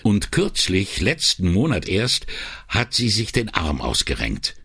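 Man reading as a shy young cop, kinda hesitant, husky low voice. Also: huge pitch swings, unhurried, pushed and bright, exaggerated voice. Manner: hesitant, modest. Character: young modest male police officer.

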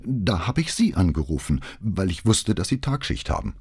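A man's voice: lowish voice, big pitch swings, a little fast, mellow, husky, no echo, clean studio sound, voice pushed up, full character voice. A man voicing a nervous young policeman. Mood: unsure, apologetic. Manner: unsure, apologetic.

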